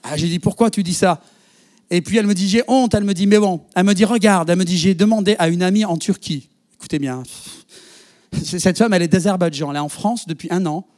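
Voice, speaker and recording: In a church, a male pastor with a high voice and quick pace preaches to his congregation. He tells a story as an animated storyteller, acting out the dialogue and quoting others.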